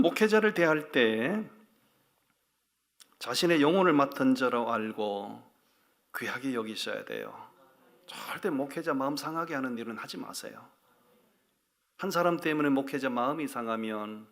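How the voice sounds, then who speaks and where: A man's voice: mid-range voice, fairly bright tone. A male pastor preaching a sermon with folksy, humorous storytelling and direct exhortation.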